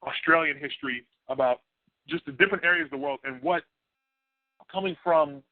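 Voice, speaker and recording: A man's voice: a little high, fairly quick, no echo. A man on a radio talk show panel who jumps in eagerly and repeats himself as he talks. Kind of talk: casual panel discussion. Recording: tinny phone line, dry.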